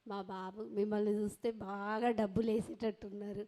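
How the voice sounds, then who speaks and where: A woman's voice: medium pitch, flat delivery, a little fast, mellow, lightly acted. A woman playing a pleading beggar woman in an amateur mono acting skit, whining and begging again and again.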